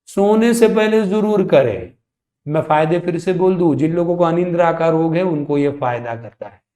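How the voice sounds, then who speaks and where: A man giving a slow, calm spoken yoga lesson as the teacher. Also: fairly high pitch, reverberant. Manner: calm, deliberate instruction.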